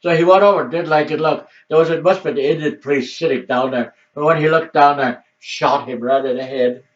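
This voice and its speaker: An older man, a grandfather, telling family history in halting oral storytelling, restarting and repeating words as he goes. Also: a little high. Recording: distant, dull lo-fi home recording.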